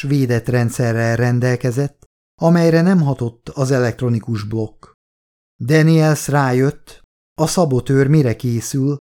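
A man narrating an audiobook in a steady, measured reading style, voicing characters' quotes quietly. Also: medium pitch.

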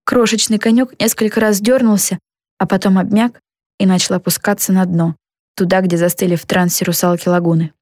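A woman narrating a children's storybook in a lively, expressive way. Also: mid-range voice, brisk, no echo, clean studio sound. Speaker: audiobook narrator.

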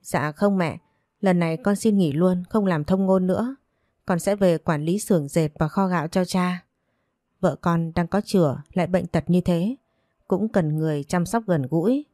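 A devoted young husband speaking gently and politely, as a woman narrator puts him on. The voice is low and warm, recorded dry. This is a storybook reading. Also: moderate pace, dry recording, close to an everyday voice. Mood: gentle.

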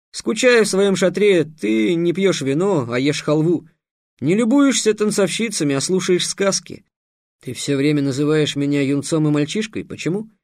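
A man's voice: a little high, a little mellow, no echo, natural voice. A young mage in an audiobook, sarcastic and bold, lecturing with cool scorn in a slightly raised voice, read by a man. The sound is close and dry. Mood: scornful.

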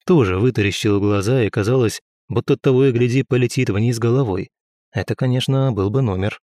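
A male narrator reads a first-person story in a wry, dry tone. His voice is mid-pitched and sits close and dry, with no room around it. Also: a little fast, dark tone, no echo.

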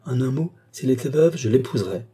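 A man's voice: mid-range voice, lively intonation, fairly quick, mellow, slightly rough. A man reading an audiobook, voicing a frail, stubborn and emotional old marquis in a raised voice. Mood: insistent. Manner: insistent, emotional.

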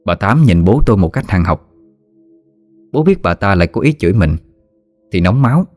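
A man narrating a ghost story in an expressive storytelling manner. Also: on the low side, normal speed, dry recording. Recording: faint background music.

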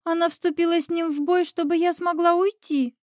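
A woman voicing a small, frightened girl witch who speaks in a high, urgent, childlike way, in a storybook reading. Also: flat delivery, moderate pace, dry recording, clean studio sound. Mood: tearful.

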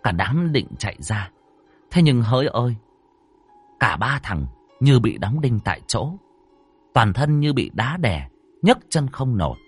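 Brief: male storyteller, very animated pitch, dry close sound, faint music behind. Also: measured pace, long pauses, slightly rough, no echo. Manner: dramatic, acting out every character. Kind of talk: ghost story narration.

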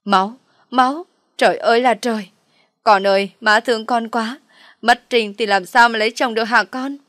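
A woman voicing a scheming middle-aged mother who laments loudly and theatrically. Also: fairly low pitch, steady tone, moderate pace, no echo, clean studio sound, natural voice. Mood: wailing.

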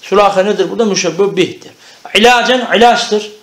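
High-pitched guy teaching a grammar class, slow drawn out words, keeps asking if everyone got it. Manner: explains step by step, often checks with "Tamam? Anlaşıldı?".

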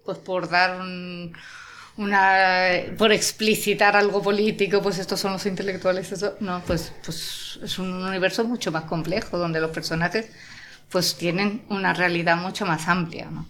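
A woman speaks as a panel guest in a very even, level tone. She reflects aloud with many fillers and restarts. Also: lowish voice, normal speed, a little hiss or hum. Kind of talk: casual interview talk.

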